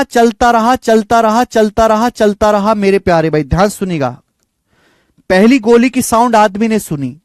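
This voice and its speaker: A high-voiced man teaches a maths word problem, his pitch swinging widely as he stresses each step. He repeats phrases over and over, imitates gunshot sounds and calls his students "beta" and "dear friends". The recording is close and dry. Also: no room sound.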